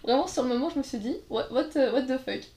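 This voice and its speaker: A woman's voice: sits high, fast, dark tone. A woman telling casual anecdotes in a chat, acting out quotes and laughing along. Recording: roomy echo.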